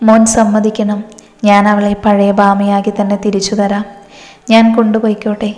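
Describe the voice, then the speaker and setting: A kindly, motherly nun , read by a woman narrator speaks in a soft, soothing, level voice. Her reassurances carry a long, hall-like echo. Quiet music plays beneath the story. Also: medium pitch, completely flat delivery, normal speed, lightly acted. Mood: pleading. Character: gentle motherly nun caring for a frightened girl. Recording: reverberant with background music.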